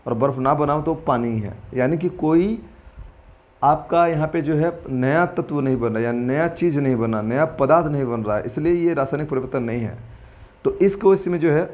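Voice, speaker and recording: A man's voice: a little high, moderate pace, darkish tone. A man teaching exam-prep lessons, talking informally to viewers as friends, thinking aloud and correcting himself, and mixing in English terms. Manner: chatty and informal, addresses viewers as friends and brother; mixes in English terms while explaining. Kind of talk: exam-prep lesson walking through quiz questions.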